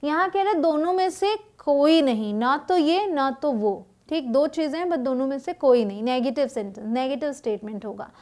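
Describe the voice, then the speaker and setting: Woman teacher w/ a high voice, reads english examples real slow and careful. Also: animated, darkish tone. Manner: slow, deliberate reading of English example sentences; checks understanding with quick asides. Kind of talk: spoken grammar lesson.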